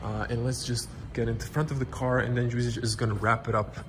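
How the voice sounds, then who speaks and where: A young man whose first language is Croatian, giving a casual walkaround car review in a showroom, talking haltingly with many fillers into a handheld camera. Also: mid-range voice, little pitch movement, a little hiss or hum. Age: young adult. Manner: halting, many fillers, non-native phrasing. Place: car dealership showroom, inside a car. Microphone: handheld camera close to face.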